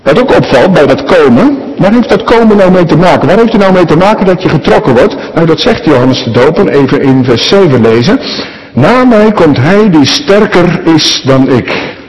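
A male pastor giving a sermon to his congregation, his pitch rising and falling as he speaks. He talks in a conversational way and keeps asking the listeners questions. His voice carries a long echo from the church hall. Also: animated, brisk, darkish tone.

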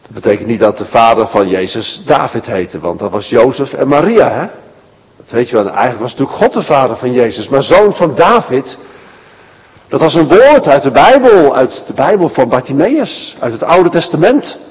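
A man preaching a children's sermon, telling a Bible story in a lively way and speaking directly to the children. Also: medium pitch, normal speed, breathy edge, in a large hall, rough recording.

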